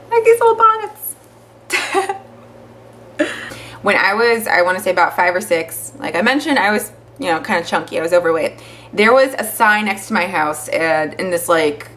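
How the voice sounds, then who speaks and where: A young woman chatting to the camera as a vlogger, telling stories with lots of fillers in an animated way. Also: lowish voice, a little hiss or hum. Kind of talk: casual chat to camera.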